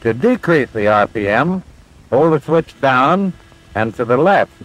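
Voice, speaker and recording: Speaking at a measured pace in an animated, mid-range voice with a bit of brightness, a man portrays a patient, confident instructor pilot explaining cockpit controls. The delivery is clear, methodical, and instructive, in the style of a 1940s military training film. The rough recording sounds like a vintage film soundtrack.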